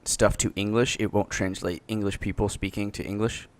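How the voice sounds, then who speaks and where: A man's voice: on the low side, level tone, normal speed. A man hosting a casual podcast chat, rambling through points, joking and swearing casually. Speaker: podcast host.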